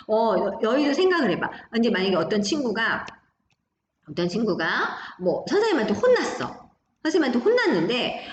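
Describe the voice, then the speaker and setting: A woman teacher with a fairly high, animated voice talks a class through examples, often stopping to check that they follow. The recording is roomy and echoey, somewhat muffled, with a faint hiss underneath. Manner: lively, talks students through examples with frequent tag questions. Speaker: high school Korean teacher. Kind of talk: recorded online class lecture.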